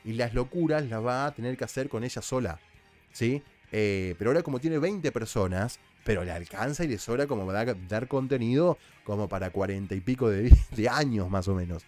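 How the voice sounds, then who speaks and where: A man's voice: medium pitch, expressive, brisk, a little mellow, faint music behind. A man with an Argentine accent giving casual commentary as a reality show recap host, chatty and explanatory. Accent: Argentine Spanish. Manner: chatty, explanatory, with frequent restarts.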